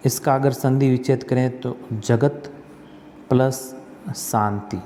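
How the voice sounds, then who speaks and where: A man teaching an exam-prep spelling lesson, asking and answering his own questions and repeating words slowly. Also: medium pitch, completely flat delivery, dark tone, in a large hall, a little hiss or hum.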